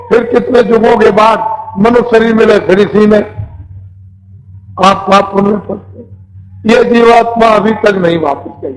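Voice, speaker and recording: A man's voice: high voice, low-quality recording. A man preaching a devotional sermon as a spiritual teacher, instructing in short, simple, repeated phrases. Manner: quizzes listeners with simple questions.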